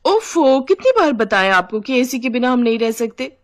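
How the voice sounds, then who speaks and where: A woman's voice: on the high side, sing-song, normal speed, pitched above the performer's own voice. Woman doing a whiny lazy young girl. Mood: whining. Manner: whiny, loud refusals.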